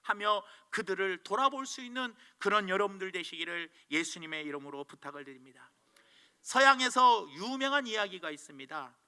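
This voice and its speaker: A male pastor giving a sermon, telling stories in an animated way with big swings in pitch and loudness.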